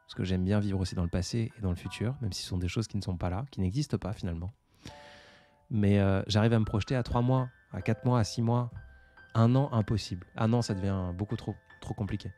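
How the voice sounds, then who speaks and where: A man's voice: lowish voice, steady tone, a little fast, dark tone, faint music behind. A man in his twenties hosting a casual live stream, answering viewer comments in a hesitant, reflective way with many fillers. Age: 20s. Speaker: livestream host.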